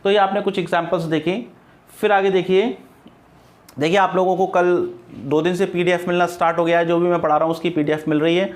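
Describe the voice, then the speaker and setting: A man from India teaches English grammar in an online lesson. His voice sits somewhat high. He is patient and repetitive, often spelling words out letter by letter. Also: flat delivery, brisk.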